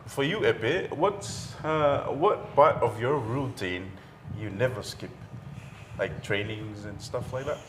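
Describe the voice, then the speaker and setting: A man interviewing two athletes, halting with many fillers. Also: medium pitch. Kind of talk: casual interview. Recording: echoey room with faint noise.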